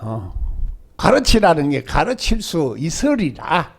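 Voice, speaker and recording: A man's voice: on the high side, very animated, slow, gravelly, husky. An older male pastor with a Gyeongsang Korean accent, preaching a sermon and often asking the congregation rhetorical questions.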